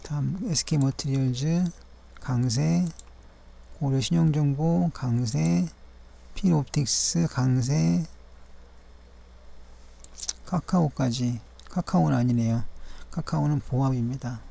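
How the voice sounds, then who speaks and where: A man with a gravelly, mellow, dark-toned, mid-range voice narrates a daily stock chart review, going through the charts one by one. He speaks in a measured, formal way, using polite fillers and occasionally correcting himself.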